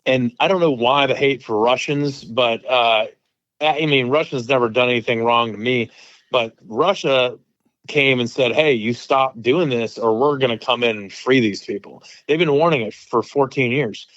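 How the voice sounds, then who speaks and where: A retired veteran talking in a casual podcast conversation, opinionated and rambling with many fillers. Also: male voice, mid-range voice, normal speed, a bit bright, no echo. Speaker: retired military veteran guest. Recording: dry, dull lo-fi sound.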